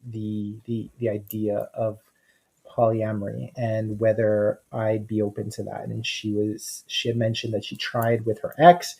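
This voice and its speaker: A man's voice: on the low side, completely flat delivery, a little slow, vocal fry, darkish tone, breathy edge, low-quality recording. A man, an executive coach, talking casually on a podcast, easygoing and hesitant with frequent uhs. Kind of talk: casual conversation.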